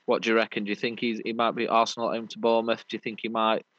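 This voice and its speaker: In a casual sports review chat, a British podcast host rambles and explains in a friendly, matey manner. He speaks rapid-fire in a lowish, monotone voice that's a bit bright, with no echo, though the audio sounds dull and lo-fi.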